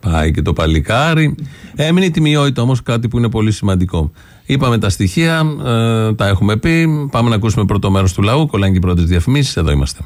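A man's voice: on the low side, sing-song, a little mellow, no echo, soft background music. A man hosting a radio political commentary show, sarcastic, listing his points one by one. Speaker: radio host.

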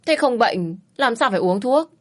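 A teasing young man presses his bride-to-be with mock concern, as a woman plays him. He sounds insistent and playful, pitched high. This is an audio story. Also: expressive, moderate pace, lightly acted. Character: teasing, pushy young fiancé.

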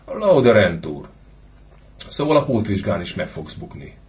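Guy reading as a harsh sneering dad in an audiobook, low voice, gruff. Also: expressive. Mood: gruff, mocking. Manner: gruff, mocking. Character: stern scornful middle-aged father.

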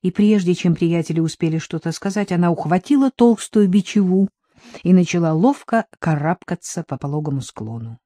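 A woman reading a story aloud in a steady storytelling manner. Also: lowish voice, normal speed, no echo, clean studio sound. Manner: steady storytelling, voices the characters. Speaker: audiobook reader. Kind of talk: scripted narration.

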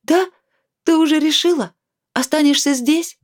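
A woman's voice: sits high, normal speed, voice pushed up, natural voice. A woman doing a whiny tipsy woman in her forties. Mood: tearful. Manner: whiny, pleading, self-pitying. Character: 42-year-old woman, drunk, despairing, tearful.

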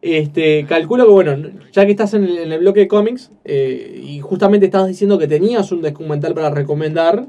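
A man co-hosting a radio show, chatty and quick with asides. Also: a little high, dark tone, muffled recording.

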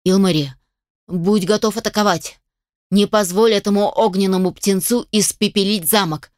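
A woman voicing a calm commanding male mage. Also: medium pitch, moderate pace, no room sound, clean studio sound, close to an everyday voice.

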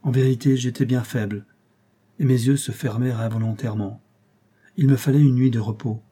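A man narrates a classic novel in the first person, taking his time over each sentence. His voice is dark and relaxed, with a breathy, husky grain. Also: medium pitch, a little fast. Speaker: audiobook narrator. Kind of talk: scripted literary narration.

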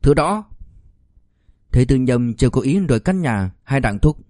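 A man narrating an audiobook in a measured, expressive reading. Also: medium pitch, no room sound, studio quality.

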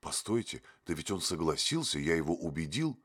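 A man voicing a naive, fawning young male poet who talks in a gushing, drawn-out way. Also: low-pitched, big pitch swings, fairly bright tone, slightly rough, full character voice. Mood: pleading.

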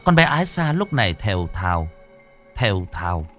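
A man narrating a horror story in a slow, expressive, dramatic manner. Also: deep voice, faint music behind.

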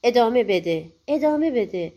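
A woman's voice: a little high, animated, dark tone. A woman voicing a loyal male talking wolf in a storybook, reassuring and urging.

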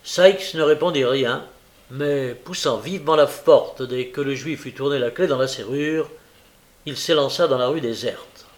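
A man reading a novel aloud in a steady, measured way. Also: mid-range voice. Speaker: audiobook reader. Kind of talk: audiobook narration.

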